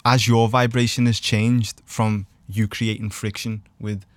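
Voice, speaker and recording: A man's voice: lowish voice, little pitch movement, measured pace, no echo. Earnest man chatting, dry close sound. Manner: earnest explainer, often checks "you know what I mean". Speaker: podcast guest. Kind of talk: casual, philosophical chat. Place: podcast studio.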